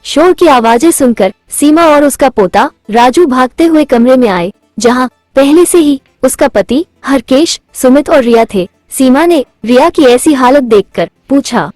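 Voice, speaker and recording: High-voiced woman narrating a cartoon story. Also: dry recording, faint music behind. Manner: steady, measured storytelling.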